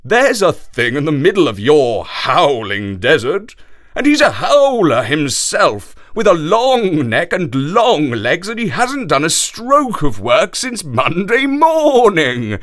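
Man doing an indignant, high-pitched horse. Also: big pitch swings, takes it slowly, a bit bright, exaggerated voice. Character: indignant hardworking male horse.

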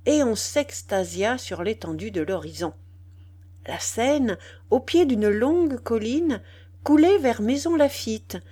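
Woman reading an old novel out loud, slow and calm, mid pitch, acts the dialogue a little. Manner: slow, measured reading with softly acted dialogue. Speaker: audiobook reader. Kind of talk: scripted narration of a classic novel.

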